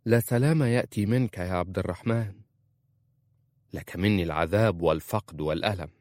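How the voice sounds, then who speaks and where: A man voicing a proud, sharp-tongued young Bedouin woman who answers with bitter, cutting retorts in a storybook reading. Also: low-pitched, fairly quick, no echo, close to an everyday voice. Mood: pained.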